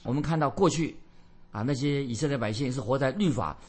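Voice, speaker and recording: A man delivers a radio sermon in a husky, mid-range voice. He reads scripture slowly, then goes back over each phrase and puts rhetorical questions to his listeners. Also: mid-range voice. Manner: repeats and explains scripture verses, asks rhetorical questions. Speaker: radio preacher.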